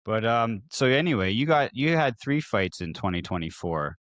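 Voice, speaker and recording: A man from Ontario co-hosting a podcast, asking halting questions with lots of fillers. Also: lowish voice, sing-song, fairly bright tone, no room sound. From Hamilton, Ontario. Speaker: podcast co-host. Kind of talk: casual interview.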